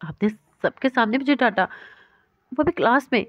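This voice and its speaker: A shy young woman pleads and sulks like a child, as a woman narrator voices her in a storybook reading. Her voice is fairly high and plaintive. The recording is dry and a touch dull. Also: expressive, no room sound, close to an everyday voice. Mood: shy, sulky.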